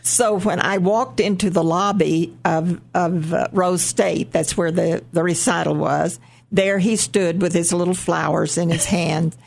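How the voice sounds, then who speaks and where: A woman's voice: on the low side, steady tone, a little slow, gravelly, a little mellow. An older woman telling a family story in a casual, meandering way, with many fillers and restarts. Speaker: interview guest.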